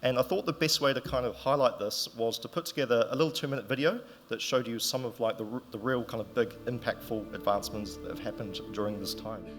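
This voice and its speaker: A man's voice: medium pitch, fast, hardly any pauses, faint music behind. A man giving a casual conference talk, chatty with fillers and restarts. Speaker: conference presenter. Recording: reverberant hall.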